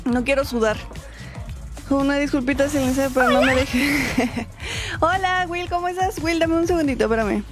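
High-voiced Mexican woman streamer. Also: normal speed, over music. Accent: Mexican Spanish. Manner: chatty, greets viewers by name. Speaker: game streamer. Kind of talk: casual live-stream chat. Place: at home.

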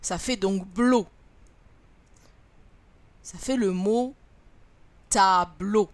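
A first-grade teacher leads young children through a reading lesson, sounding out letters and syllables slowly and clearly. Her mid-range voice is warm, with no echo.

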